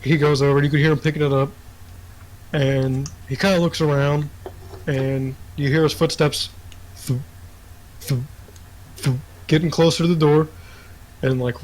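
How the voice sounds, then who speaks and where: A man's voice: on the high side, moderate pace, rough recording. Casual young man running a tabletop game. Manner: casual, filler-heavy storytelling. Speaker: dungeon master.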